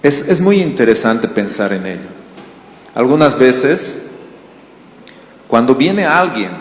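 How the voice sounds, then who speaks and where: Bolivian pastor preaching in a reverberant hall. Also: male voice, medium pitch, slight background noise. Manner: animated storytelling with questions to the congregation. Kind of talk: sermon. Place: church hall. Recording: roomy church hall reverb.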